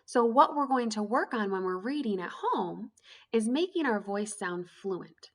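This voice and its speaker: A woman teacher giving a reading lesson to young children, speaking slowly and clearly in an encouraging way. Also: medium pitch, animated.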